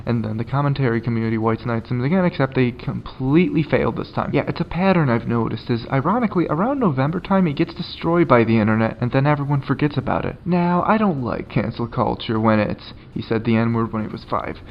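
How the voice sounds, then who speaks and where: A man's voice: mid-range voice, expressive, quick pace, creaky, few pauses, muffled recording, a little hiss or hum. Sarcastic, swearing commentary guy. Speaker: commentary YouTuber. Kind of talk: casual profane commentary.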